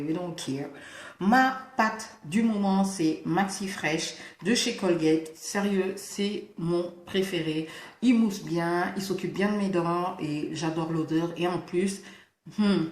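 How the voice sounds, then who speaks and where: A woman gives casual beauty advice to her viewers. She lisps, so her s sounds slide toward a slushy sh. Her delivery is informal and emphatic, dotted with English interjections, and the room adds a clear echo. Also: fairly low pitch. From Senegal. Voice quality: lisp, slushy sh-like s. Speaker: beauty vlogger. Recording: roomy, echoing indoor sound.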